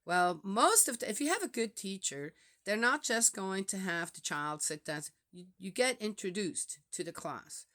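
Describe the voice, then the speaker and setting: A woman's voice: medium pitch, fairly bright tone. A woman from Switzerland with a Swiss German accent, talking in a reflective, casual way with many fillers and restarts.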